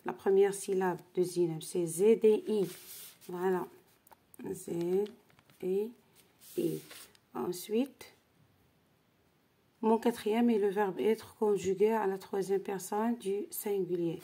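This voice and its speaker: Woman teacher, very slow delivery, dark husky voice, going step by step through exercises. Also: medium pitch, fairly even intonation. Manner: spells out syllables, checks in with d'accord. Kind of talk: slow worksheet lesson.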